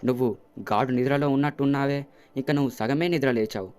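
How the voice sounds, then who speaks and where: A man voicing a calm, caring young girl in a spoken anime recap, urging someone gently. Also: mid-range voice, fast, clear, resonant tone, pitched above the performer's own voice, natural voice.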